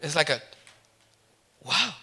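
A middle-aged male preacher delivers a sermon in Spanish and English, switching between them, with joking asides and swells into loud, emphatic exhortation. His fairly high voice has vocal fry, and he's very animated yet extremely slow. Soft music plays in the background.

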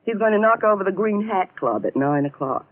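A woman's voice: mid-range voice, big pitch swings, fairly quick, slight background noise, close to an everyday voice. An actress playing a sly, chatty woman accomplice of a crime boss, in 1940s radio acting style. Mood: gossipy. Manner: chatty, giggly. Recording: tinny 1940s radio broadcast.

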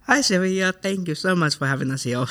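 A man's voice: high voice, big pitch swings, normal speed, a bit bright. A man of twenty-one with an American accent, a young actor chatting casually as an interview guest in a theater. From California, USA. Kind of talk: casual chat.

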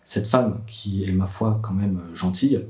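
Speaking a little slowly in a low, mellow voice, a young father anxiously recounts his story for a vlog, recorded from afar in a roomy space. He's hesitant, full of fillers and restarts, and his voice goes up when he's upset.

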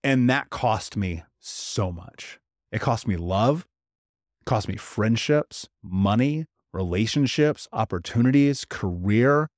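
A man's voice: lowish voice, expressive, slow pace, no room sound, clean studio sound. A man in casual podcast conversation, talking candidly and with emphasis, dropping slang like dude and bro.

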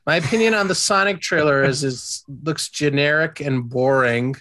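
A man's voice: fairly high pitch, moderate pace, sharp tone, no room sound. A man co-hosting a podcast, chatting casually and rambling with many restarts and fillers. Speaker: podcast co-host. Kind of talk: casual chat.

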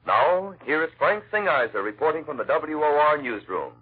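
Man, American accent, old 1940s radio announcer, lively intonation, husky tone, scripted sponsor read, tinny broadcast. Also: on the high side, normal speed.

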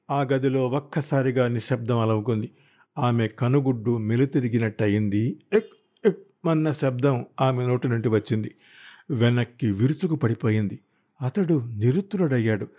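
A man reading a novel aloud as an audiobook narrator, telling the story in a steady, measured way. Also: mid-range voice.

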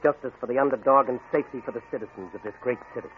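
Brief: an actor as a commanding, taunting masked crime-fighter, 1940s radio, tinny and hissy. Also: male voice, medium pitch, rapid-fire, natural voice. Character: bold masked male crime-fighting hero. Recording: scratchy old radio recording.

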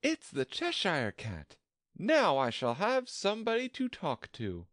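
A man's voice: high voice, wildly swooping pitch, unhurried, fairly bright tone, no room sound, studio quality, voice pushed up, exaggerated voice. A man voicing a curious, fretful young girl in a storybook reading, with a prim, complaining tone. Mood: wondering.

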